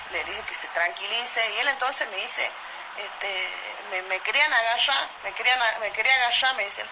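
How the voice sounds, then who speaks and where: A woman with an Argentine accent from Salta, telling a true story in a voice message in a lively way, often asking "¿viste?". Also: mid-range voice. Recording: muffled voice message with loud noise.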